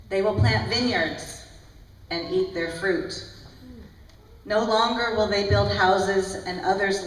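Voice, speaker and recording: A woman on a panel recites scripture slowly and evenly, dwelling on each phrase. She is heard from far off in an echoey hall with a long reverb. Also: medium pitch, slight background noise. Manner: slow, recitative. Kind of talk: reading scripture. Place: large hall at a breakfast event.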